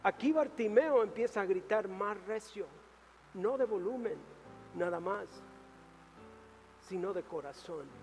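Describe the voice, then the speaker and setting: Male pastor, high voice, slow and deliberate, dramatic swings from loud to hushed, church-hall reverb with faint music. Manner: preaching with dramatic rises and hushed drops. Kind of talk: sermon.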